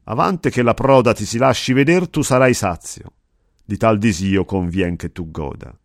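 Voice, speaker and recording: A man voicing a wise old male poet guide, speaking in calm, measured verse. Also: lowish voice, dry recording, studio quality, lightly acted. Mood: solemn. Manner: measured, solemn recitation of verse.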